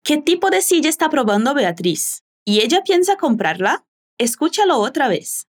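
A woman hosts a language lesson and drills phrases for listeners to repeat. She models each phrase slowly and carefully. Her voice is high, and her intonation is lively and animated. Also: a little hiss or hum. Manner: slow, careful modeling of pronunciation. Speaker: language teacher and host.

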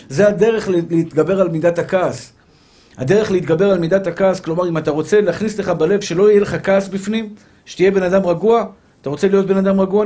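A man, a rabbi, giving an animated sermon full of rhetorical questions and repeated phrases, his speech a little slurred after tooth extractions. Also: high-pitched. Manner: animated, acts out little scenes and voices.

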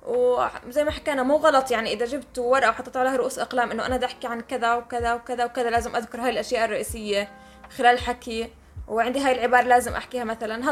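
A woman with a Levantine accent explaining things casually and emphatically to listeners as a podcast co-host. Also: on the high side.

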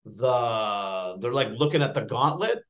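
A man, an actor and stand-up comedian, chatting excitably in an interview with lots of fillers. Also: mid-range voice, a little slow. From Canada. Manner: excitable, rambling with many fillers. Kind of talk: casual interview chat.

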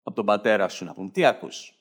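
A man with a Greek accent delivering a sarcastic satirical stand-up monologue. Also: on the low side. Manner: sarcastic, mocking, slips into mimicked voices. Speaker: satirical comedian.

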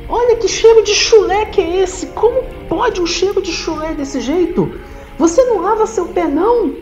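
Shrill, melodramatic lady frog. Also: expressive, normal speed, darkish tone, soft background music. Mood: indignant. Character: dramatic lovesick female frog, human-sized. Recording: roomy, dull lo-fi sound.

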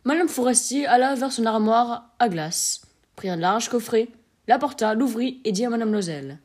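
A woman narrating a classic short story in a measured, expressive reading. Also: on the high side.

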